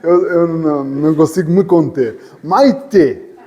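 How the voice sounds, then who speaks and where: A man teaching an English class, playful and teasing, repeating words slowly and clearly for his students. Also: fairly high pitch, a little mellow, big-room sound, highs cut off. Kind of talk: classroom lesson. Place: church hall classroom.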